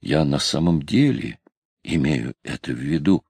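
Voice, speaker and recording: A man's voice: a bass voice, sing-song, unhurried, creaky, a little mellow, slightly rough, no room sound, studio quality, full character voice. A man reading an audiobook, voicing an eager, awkward young sailor who is pushy and flustered.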